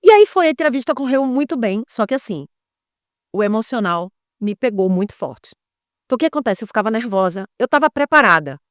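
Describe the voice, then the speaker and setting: Brazilian woman guest, quick lively storyteller, higher voice, dry close sound. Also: no echo. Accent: Brazilian Portuguese. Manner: lively, acts out quoted voices. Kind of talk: animated storytelling interview.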